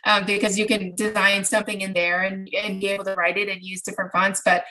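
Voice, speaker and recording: Over a video call on a computer mic, the poor audio carries a woman's mid-range voice, level in tone but fast, pushed and bright. Middle-aged, she presents an informal online workshop from her indoor home craft room. She answers participants' questions, explaining step by step with examples.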